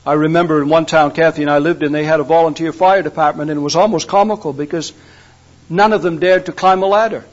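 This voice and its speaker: Older male preacher, high-pitched, homespun humor, muffled lo-fi sound. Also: fairly even intonation, fast. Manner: folksy storytelling with humor. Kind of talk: sermon. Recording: dull lo-fi recording.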